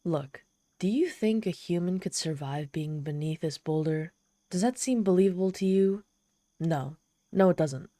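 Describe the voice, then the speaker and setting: A woman acts out a proud, lonely, desperate, socially awkward demon in a dramatic ASMR roleplay story, sounding haughty and exasperated yet pleading, with theatrical sighs and gasps. Her low-leaning voice is warm and unhurried, lightly acted, with no room sound.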